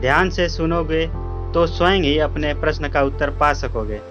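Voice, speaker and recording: A man acts out a wise old sage, a patient and affectionate guru from a moral tale. The voice sits a little high and counsels gently in formal, measured phrases. The recording is slightly dull, with clear music behind it. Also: lightly acted. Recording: dull lo-fi audio under prominent music.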